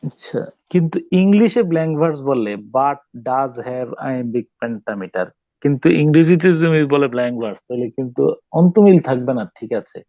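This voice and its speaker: A male teacher giving a classroom poetry lesson, questioning students and pausing often to search for words. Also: mid-range voice, lively intonation, mellow, no room sound, lo-fi sound. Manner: stops to quiz students, mixes English terms, many hesitations.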